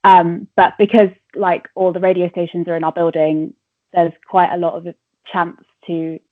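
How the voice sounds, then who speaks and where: Over a tinny phone line, a twenty-something woman from Wales, speaking with an English accent, chats through casual interview answers, laughing and using plenty of fillers. She works as a radio presenter and entertainment reporter, and her lowish voice comes across dry.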